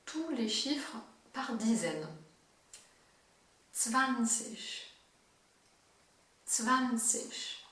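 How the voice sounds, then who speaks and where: A French-speaking woman teaching German, who explains patiently and repeats each word slowly for practice. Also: medium pitch, heavy reverb, recorded from a distance. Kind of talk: language lesson, slow clear explanation.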